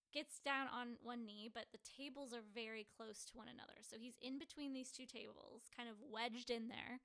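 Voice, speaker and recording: A woman's voice: on the high side, vocal fry, pushed and bright, clear, resonant tone. A woman in her forties, sleepy and yawning, telling a personal story in a rambling, chatty way as a healing coach. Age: 40s. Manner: rambling, chatty, many fillers.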